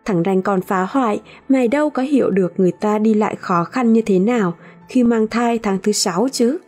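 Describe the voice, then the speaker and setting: A woman's voice: medium pitch, a little fast, a little mellow, soft background music, natural voice. A woman voicing an angry mother harshly scolding her young son.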